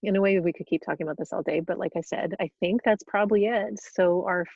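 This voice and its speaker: A woman's voice: lowish voice, fast talker, breathy edge, no room sound, muffled recording. A woman hosting a casual live Q&A webinar, chatting in a bubbly way with frequent restarts and laughter. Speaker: yoga teacher trainer hosting a webinar. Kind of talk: casual live Q&A, reading questions aloud. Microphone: video call.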